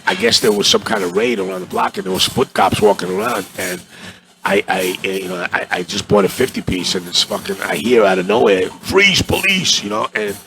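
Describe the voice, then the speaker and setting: A man's voice: on the low side, animated, a little fast, gravelly, a bit bright. A middle-aged man with a New York accent, a comedian telling a profane, rambling story with stammers in a cafe interview. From Astoria, Queens, New York. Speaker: comedian guest.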